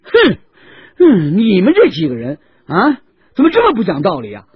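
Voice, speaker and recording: A man's voice: extremely high pitch, wildly swooping pitch, normal speed, husky, no room sound, pitched above the performer's own voice, heavily acted. A man voicing a crafty, quarrelsome male wine peddler who sneers and haggles, on a dull, dry lo-fi recording. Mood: indignant.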